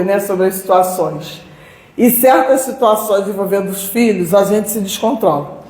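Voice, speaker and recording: A woman's voice: medium pitch, a little mellow. Middle-aged woman, conversational speaker who restarts sentences; very echoey hall. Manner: conversational, with many restarts and quoted dialogue. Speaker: speaker at a spiritist talk. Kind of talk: personal story told in a public talk.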